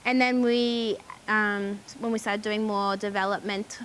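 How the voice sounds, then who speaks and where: A young Australian woman telling her story casually and hesitantly, with frequent ums and pauses. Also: medium pitch, steady tone, a bit bright, a little hiss or hum, rough recording. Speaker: charity founder.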